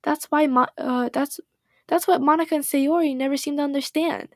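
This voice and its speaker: A woman voicing a blunt, touchy teenage girl as she reads game dialogue aloud, with a sharp, defensive manner. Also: high-pitched, steady tone, moderate pace, no room sound, studio quality.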